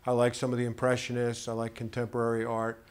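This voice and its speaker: A man's voice: mid-range voice, completely flat delivery, quick pace, smooth. A middle-aged man speaking earnestly and admiringly in an office interview. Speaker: art collector. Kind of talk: documentary interview. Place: office, indoors.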